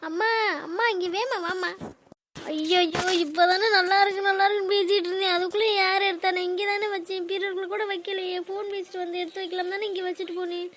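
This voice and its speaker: A woman's voice: high voice, level tone, fast, a little hiss or hum, lightly acted. A woman voicing a fretful young daughter in a comedy cartoon, talking in a whiny, pleading way. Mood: panicked. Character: fretful young daughter who lost her chain.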